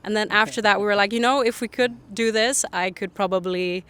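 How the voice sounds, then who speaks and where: Outdoors on a harbour bench, a young woman from Finland, a native Finnish speaker, talks fast in a casual podcast interview. Her voice sits mid-range and is a bit bright, clear and resonant; she laughs a lot and fills her sentences with "like."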